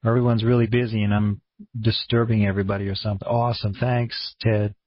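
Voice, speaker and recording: A man with a Maine accent and a husky voice, hosting an online conference call in a casual, rambling, laid-back way. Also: on the low side, flat delivery, brisk, no echo. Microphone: online conference room call. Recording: dull, muffled lo-fi audio.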